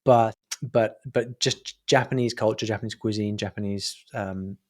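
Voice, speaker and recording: Fairly low in pitch, with fairly even intonation and a moderate pace, this online business owner chats casually on a podcast. His explanations are thoughtful and long-winded, often looping back on themselves.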